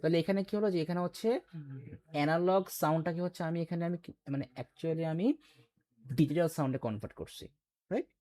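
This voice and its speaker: A man's voice: a little high, quick pace, warm tone, slight background noise. A man teaching a computer class, explaining step by step and quizzing his students with questions. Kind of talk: classroom lecture.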